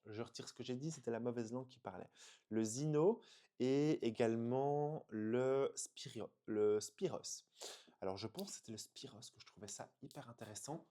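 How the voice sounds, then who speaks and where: A man from France talks through perfume samples in a gushing, exclamatory way, often pausing on fillers as he searches for words. His voice is mellow and dark-toned, sitting at an ordinary pitch. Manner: gushing, exclamatory, frequent hesitations. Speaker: perfume reviewer. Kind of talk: enthusiastic unboxing review.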